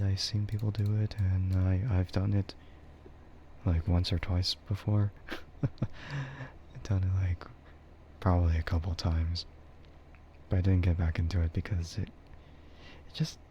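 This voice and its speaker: A young man streams as a VTuber in whispered role-play ASMR style, rambling softly into a close mic with chuckles and fillers. His voice is deep, the recording muffled, with a little hiss or hum.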